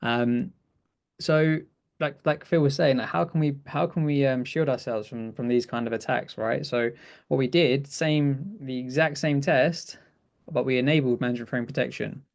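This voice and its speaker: A man's voice: medium pitch, normal speed, creaky. A man co-presenting a webinar, chatting casually through a technical demo with frequent restarts and easy laughs. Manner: chatty, self-correcting, laughs easily.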